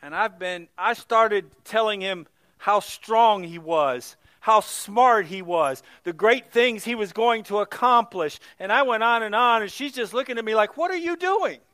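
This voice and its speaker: High, bright-voiced male pastor preaching. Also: measured pace, no echo. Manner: storytelling, swings from loud exclamations to hushed near-whispers. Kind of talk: sermon.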